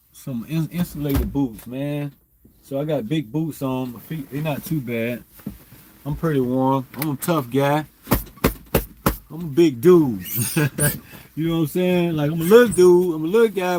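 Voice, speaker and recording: A man's voice: on the high side, a little mellow. A man, rambling through a casual livestream chat with lots of fillers. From Southern US. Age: 40s. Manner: rambling, heavy on fillers and "you know what I'm saying". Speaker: livestream host.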